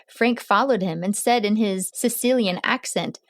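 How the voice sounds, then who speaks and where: A woman hosting a podcast, reading a true crime story in a measured, steady way. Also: medium pitch, dry recording, studio quality. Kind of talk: scripted true crime narration.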